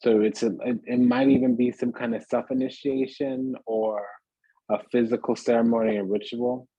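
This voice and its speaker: A man with a dark, mellow, husky voice gives a casual, rambling tarot reading. He strings ideas together in long lists and drops the odd blunt curse. The sound is dry and a little muffled, like a simple home setup. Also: medium pitch, lively intonation, normal speed, no echo. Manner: rambling, repeats phrases in lists, asks "does that make sense?". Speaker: tarot reader.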